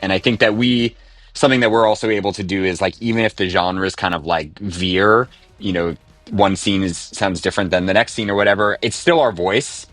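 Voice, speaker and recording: Composer guest, man, lowish voice, thoughtful with lots of likes, dry sound with faint music. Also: fairly quick, fairly bright tone, no echo. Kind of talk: casual interview talk.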